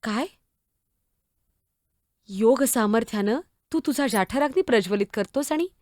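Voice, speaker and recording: High, blunt young girl saint, devoted to her brothers, played by a woman in a solo stage drama; dry sound, faint music behind. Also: no echo. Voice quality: blunt, sharp-tongued. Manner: pleading and expressive, speaks to unseen people.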